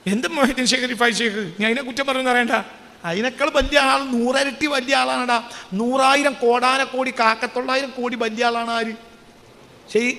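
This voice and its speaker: High, sharp-voiced Malayali preacher in a hall. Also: male voice. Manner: rhetorical questions to the audience, swings from soft to shouting. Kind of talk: religious sermon.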